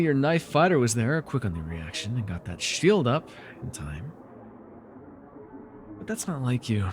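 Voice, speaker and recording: A man with a medium-pitched voice plays a villainous nightmare lord in an ASMR fantasy roleplay. He is sly, taunting, and flirtatious, with a theatrical, teasing, mockingly sweet manner.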